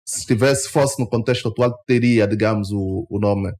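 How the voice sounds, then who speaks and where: A man with an Angolan Portuguese accent, speaking as a guest in a radio studio interview, emphatic and climbing sharply in pitch when he is indignant. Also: moderate pace, a little mellow. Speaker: interview guest, party member.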